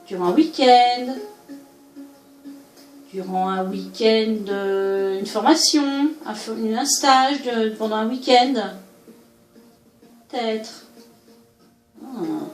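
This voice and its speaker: A woman doing a solo oracle card reading, musing aloud and pausing often with hesitations as she interprets each card. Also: on the high side, darkish tone, reverberant, low-quality recording. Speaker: card reader. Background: faint background music.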